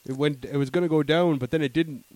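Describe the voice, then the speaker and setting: A man's voice: on the high side, steady tone, quick pace, a little mellow, no room sound. A man co-hosting a podcast in casual chat, jokey and rambling, laughing often. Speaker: podcast co-host.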